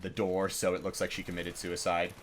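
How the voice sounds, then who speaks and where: A man's voice: deep voice, completely flat delivery, brisk, slight background noise. A man chatting casually while gaming, rambling and hesitant with lots of fillers and slang.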